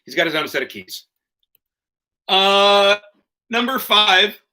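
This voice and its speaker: A man's voice: high-pitched, expressive, slow, bright, forceful tone, poor audio. A man hosting an online quiz over a video call, reading questions and tossing in joking, profane asides. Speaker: quiz host.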